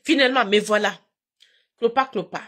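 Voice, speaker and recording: Talking to her live viewers, a woman tells stories in an animated, repetitive style and speaks to them directly. Her voice is fairly high and her speed normal.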